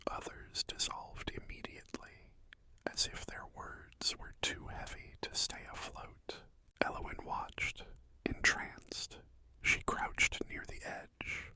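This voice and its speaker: Very slow whispered bedtime storyteller. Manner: slow, hushed, soothing delivery with pauses.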